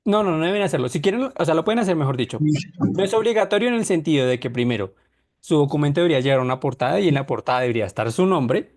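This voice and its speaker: A man's voice: a little high, lively intonation, quick pace, a little mellow. Rambling male teacher, online class. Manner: rambling, self-correcting explanations.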